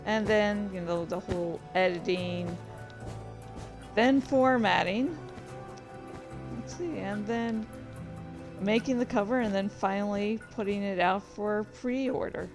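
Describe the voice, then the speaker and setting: Over background music, a woman with a mid-range voice talks slowly and pauses often. She's a livestream host rambling casually as she plays a game, narrating her own moves with exclamations.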